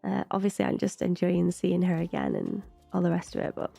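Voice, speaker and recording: A woman's voice: lowish voice, little pitch movement, fairly quick, gravelly, warm tone, soft background music. A British woman hosting a reaction video, chatty and opinionated, often filling her talk with "like". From Britain. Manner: chatty and opinionated, with frequent "like" fillers. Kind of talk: casual reaction commentary.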